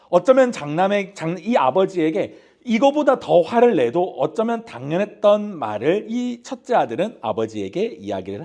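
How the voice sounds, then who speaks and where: Lively, conversational male youth pastor. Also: sits high. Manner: asks the congregation direct questions; gently hesitant, many fillers. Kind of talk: conversational sermon. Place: church youth service.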